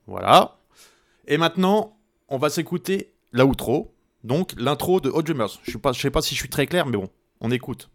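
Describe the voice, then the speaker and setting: Speaking at normal speed with big pitch swings and a slightly high voice, a man hosts a radio music show. He's chatty and joking as he discusses a band's songs, with lots of hesitations and side remarks.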